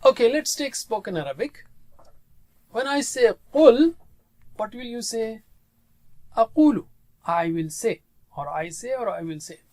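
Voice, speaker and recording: A man with a fairly high voice teaches a class at an unhurried pace. He mixes English explanations with Arabic words and patiently drills his students in call-and-response. His tone stays steady and instructive.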